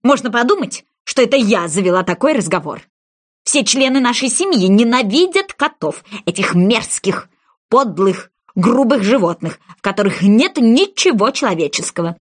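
A woman voicing a touchy, indignant mouse that is proud and easily offended, speaking slowly and with huffy emphasis. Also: mid-range voice, very animated.

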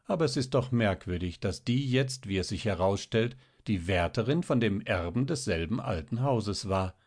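A man doing a brisk, impatient mother. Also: on the low side, expressive, a little mellow. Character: middle-aged mother, practical and impatient.

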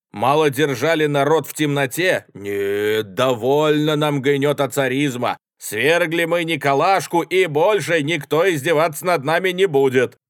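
A man voicing a spiteful, hostile soldier who speaks loudly and accusingly, in a dry audiobook reading. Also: medium pitch, no room sound, voice pushed up, natural voice. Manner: loud, sneering, accusing.

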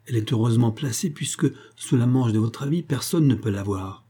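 A man's voice: medium pitch, a little fast, mellow, husky, lightly acted. A man reading a storybook aloud, voicing a cunning, spiteful old grandmother who coaxes and wheedles. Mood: wheedling. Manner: wheedling, calls everyone dear.

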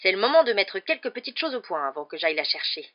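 A reader voicing a fat, bullying middle-aged uncle who shouts sternly and menacingly, in a dull lo-fi recording. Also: mid-range voice, very animated, quick pace, natural voice. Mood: furious.

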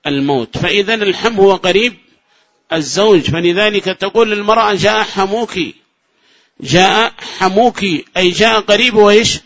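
A man from Yemen teaching a grammar lesson, quizzing listeners with short rhetorical questions and repeating examples slowly. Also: sits high, steady tone, fairly bright tone. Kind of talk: classroom lecture. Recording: dull lo-fi lesson recording.

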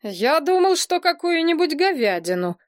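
A woman's voice: high-pitched, very animated, moderate pace, no room sound, studio quality, pitched above the performer's own voice. A woman doing a pompous storybook king. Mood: reporting. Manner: self-important and pompous. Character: proud, nosy storybook king, middle-aged man.

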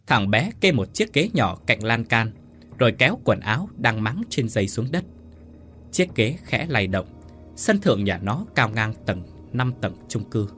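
A man's voice: fairly low pitch, fairly bright tone, husky, dry recording. A man narrating a dramatic family tragedy story in a grave, dramatic manner. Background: faint music.

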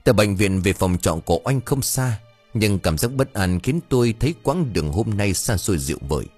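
Male horror narrator, very expressive pitch, husky tone. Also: moderate pace, soft background music. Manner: intense, shouts the characters' lines. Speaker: audiobook narrator. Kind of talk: dramatic horror story reading.

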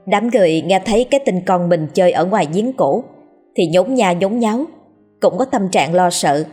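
Husky woman narrating a ghost story. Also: fairly low pitch, normal speed, faint music behind. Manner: steady, dramatic storytelling. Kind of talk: scripted horror story narration.

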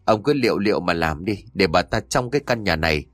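A man voicing a cruel middle-aged wife who nags and goads her husband in quick, urgent speech. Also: fairly low pitch, big pitch swings, no echo, clean studio sound. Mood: spiteful nagging. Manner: hissing, urgent whispering and goading.

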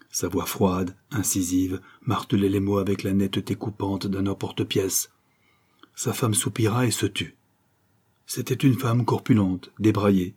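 Low, husky male audiobook narrator. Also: darkish tone. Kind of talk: scripted narration.

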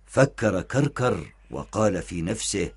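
A man narrating a children's story in a measured, expressive storytelling manner. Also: fairly low pitch, husky.

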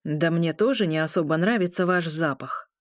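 Woman reading a sardonic werewolf guy, lowered voice, dry storybook read. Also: normal speed, no room sound, natural voice. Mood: wry. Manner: wry, nervous joking. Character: tense sardonic young werewolf man.

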